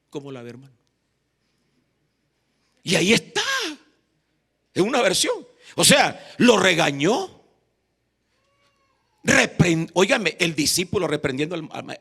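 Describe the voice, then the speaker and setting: A man's voice: high voice, creaky, pushed and bright, slightly rough. A man with a Honduran accent preaching an evangelistic sermon in a church, who keeps addressing the congregation as "hermano" and calls for responses. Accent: Honduran Spanish.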